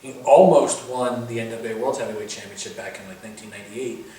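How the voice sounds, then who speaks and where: A man's voice: medium pitch, fast, dark tone. A man in a casual interview giving detailed previews like an announcer, rattling off titles and credentials. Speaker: wrestling pundit previewing shows. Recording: very echoey room, distant mic, faint noise.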